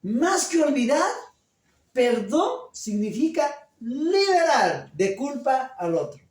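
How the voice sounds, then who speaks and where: Slow, lively-pitched preacher in an echoey church. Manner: slow, deliberate preaching with questions to the congregation. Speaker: pastor. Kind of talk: sermon. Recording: echoey church room, voice from a distance.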